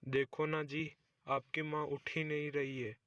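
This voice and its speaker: Man doing patient young daughter-in-law, cartoon story, polite, obliging, slow speech. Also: a little high, flat delivery, a bit bright, no echo, lo-fi sound. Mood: worried.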